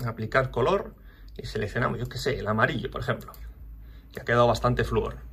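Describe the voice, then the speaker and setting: A man walking viewers through a design website in a relaxed, chatty tutorial, talking to the audience as he clicks. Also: mid-range voice, breathy edge. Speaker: channel host. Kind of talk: casual screen walkthrough tutorial.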